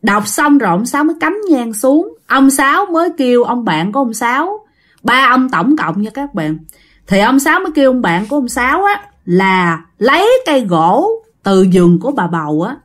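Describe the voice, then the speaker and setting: This woman's voice sits on the high side and has a sing-song lilt, moving at a normal pace. With a Southern Vietnamese accent, she chats directly with her audience while casually narrating a ghost story.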